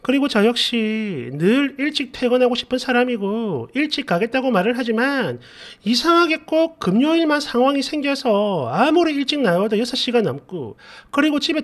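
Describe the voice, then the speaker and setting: A man narrating a community post in the first person, in a conversational, complaining storytelling manner. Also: very high voice.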